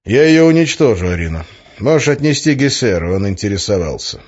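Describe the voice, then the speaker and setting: A man's voice: fairly low pitch, sing-song, a little fast, a little mellow, breathy edge. A man playing a weary, fed-up magician. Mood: curt. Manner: curt, grumbling, flaring into outbursts. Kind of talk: audiobook character voice. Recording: slightly muffled lo-fi recording.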